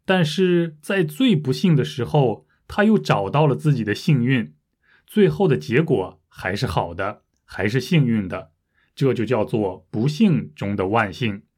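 Man, podcast host, Chinese lesson, clear patient teaching delivery. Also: medium pitch, lively intonation, unhurried, a little mellow. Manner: clear, patient, explains words for learners. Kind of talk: Chinese learner podcast, reading news twice.

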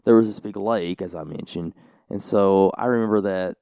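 A man's voice: fairly low pitch, moderate pace, mellow, clear, resonant tone, no echo. A man co-hosting a podcast, telling a story in a casual, rambling way full of "like" and "you know.". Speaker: podcast co-host.

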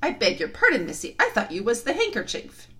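A woman's voice: fairly high pitch, wildly swooping pitch, fairly quick, sharp tone, pitched above the performer's own voice, full character voice. Woman doing a hearty, polite giant. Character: huge good-natured male giant, humble and polite.

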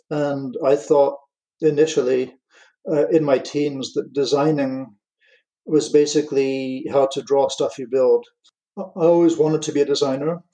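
An American-born man with an English accent blended with continental European tones, speaking as a guest in an interview in a thoughtful, unhurried way with frequent fillers. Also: mid-range voice, mellow, rough recording. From USA. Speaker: guest watch designer. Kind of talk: relaxed interview chat.

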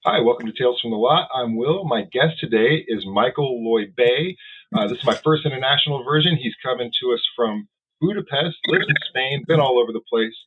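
Husky male host on a tinny line. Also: medium pitch, brisk. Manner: relaxed, encouraging interviewer. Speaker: podcast host. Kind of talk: casual interview.

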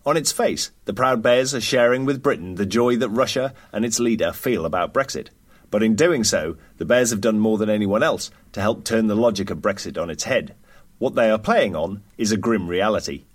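Low, husky male presenter. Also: moderate pace. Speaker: podcast host and interviewer. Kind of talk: scripted narration.

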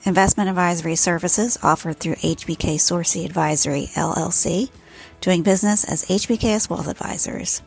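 Female announcer, low and husky, for a scripted closing tag with legal disclaimer, music underneath. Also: fairly quick.

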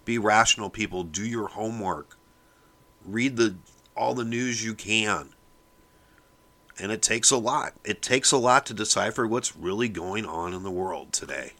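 A man's voice: on the low side, measured pace, sharp tone. A man hosting his own podcast, delivering a fired-up opinion monologue and lecturing his listeners, often calling them "people". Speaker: podcast host.

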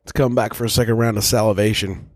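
Lowish guy doing a whiskey tasting, blunt and cussing a lot, dry close sound. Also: steady tone, fast, dry recording. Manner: blunt, profane, rambling. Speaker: whiskey reviewer host. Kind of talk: casual whiskey tasting chat.

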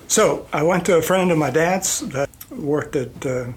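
An older man from Iceland, a company president guest, telling his life story in a relaxed, rambling way with fillers and small chuckles. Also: on the high side, a little slow, slight background noise.

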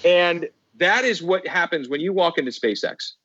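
A man's voice: sits high, animated, normal speed, pushed and bright, no echo, muffled recording. A man speaking as a podcast guest, telling stories with emphatic repeated phrases. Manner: emphatic, repeats words for effect. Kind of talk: animated storytelling.

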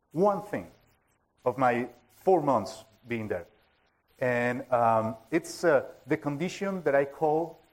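Speaking to a full audience in a church hall, a native Spanish speaker with a Spanish accent delivers a casual sermon in a voice on the high side. He pokes fun at himself, and his speech stumbles along with many restarts and filler words.

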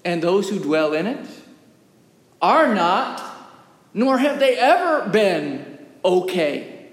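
Male pastor, higher register, slow and measured sermon delivery, live in a reverberant church. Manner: measured, deliberate preaching with long pauses. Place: historic church sanctuary. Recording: echoey sanctuary, long reverb.

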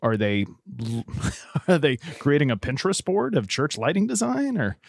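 A man's voice: a little high, wildly swooping pitch, a little slow, vocal fry, no echo, studio quality. A man hosting a casual podcast interview, asking long wandering questions. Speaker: podcast host.

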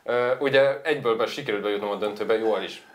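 Male guest, lowish voice, candid, owns his mistakes. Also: a crowd in the background. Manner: candid, self-critical. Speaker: guest, racing driver. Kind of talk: casual interview.

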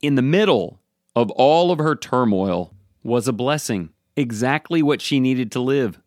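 A man gives a Bible devotional in an earnest, direct way, as if talking to one listener. His voice sits at a middle pitch. The sound is dry and close, with no room echo. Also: lively intonation, unhurried, darkish tone. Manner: earnest, speaks straight to the listener. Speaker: devotional speaker.

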